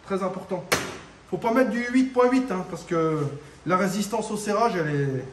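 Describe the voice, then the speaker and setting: A man's voice: sits high, normal speed, echoey room. Man, casual garage vlog, slangy and swearing, faint noise in the background. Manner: slangy, talks straight to the viewer, swears when annoyed. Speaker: home mechanic showing a car repair. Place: garage workshop.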